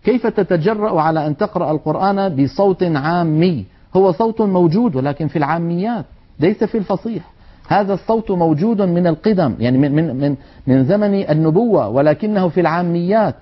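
A man gives a tajweed lesson in a fairly high voice, repeating sounds and earnestly correcting common errors. The recording is dull and lo-fi. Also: lively intonation, brisk. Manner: demonstrates letter sounds, earnest and admonishing. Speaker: Quran recitation teacher.

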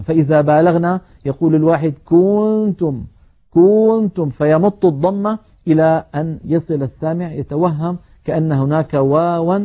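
A man teaching Quran recitation in a televised lesson, explaining in a measured way and chanting example words slowly. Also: on the high side, dull audio.

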